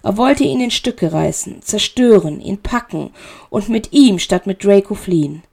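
A woman reading fan fiction aloud as an audiobook narrator, with a slow, measured, dramatic delivery. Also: mid-range voice, expressive, vocal fry, a little mellow, breathy edge. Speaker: reader.

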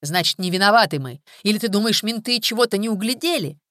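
A woman reading an audiobook, voicing a bitter young man who shouts abuse. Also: mid-range voice, lively intonation, fast, no echo, studio quality, pitched above the performer's own voice, lightly acted. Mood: mocking. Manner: snarling, abusive, shouting. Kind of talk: audiobook character voice.

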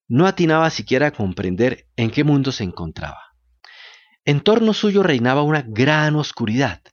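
A man narrating a children's radio story with a dramatic, expressive reading. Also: on the high side, muffled recording.

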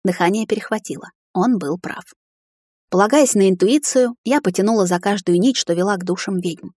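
A woman narrating a fantasy novel in the first person, reading in a steady, dramatic way. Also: mid-range voice, brisk, dry recording, studio quality. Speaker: audiobook narrator.

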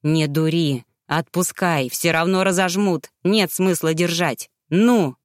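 A woman voicing a battered male dragon who speaks in a low, gruff, curt voice in an audiobook. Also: slow, no echo, studio quality.

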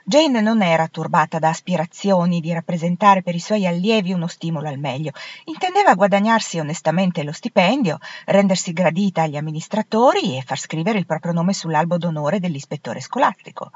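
A woman's voice: lowish voice, expressive, brisk, a little mellow, dry recording. Woman reading a novel aloud, dull dry sound. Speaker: audiobook reader. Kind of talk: narration of a novel.

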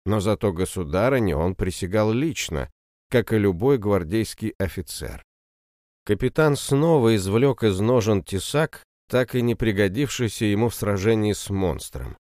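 Male audiobook narrator, low voice, steady first-person fantasy read, dry close sound. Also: moderate pace, no echo.

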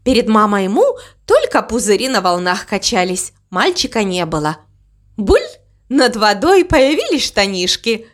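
A woman narrating a children's storybook in an expressive, animated way. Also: mid-range voice, moderate pace, few pauses. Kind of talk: storybook reading.

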